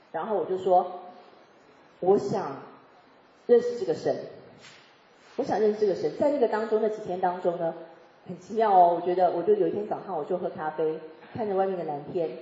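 A woman giving a personal faith testimony in church, telling her story in a lively way and often laughing. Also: on the low side. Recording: echoey hall, dull sound.

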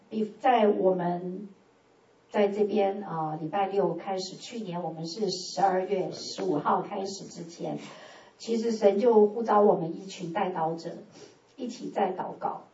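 A woman giving a sermon testimony, lively, swinging from loud exclamations to hushed prayerful tones and laughing often. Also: medium pitch, normal speed. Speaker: church speaker giving testimony. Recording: roomy, distant and dull church sound.

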